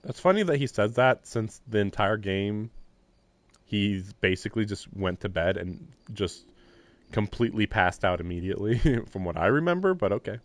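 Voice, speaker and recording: The recording is dry, and you can hear faint game music as a man streams a visual novel live. His lowish voice is animated yet moderately paced while he reads lines and reflects aloud, peppering his casual let's-play talk with wry, self-deprecating remarks.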